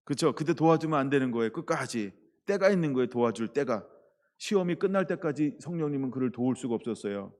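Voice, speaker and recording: Pastor guy preaching, super animated voice, quizzing the church, echo hanging in a big hall. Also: medium pitch. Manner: lively, playful preaching with questions to the congregation and acted-out quotes. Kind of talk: sermon.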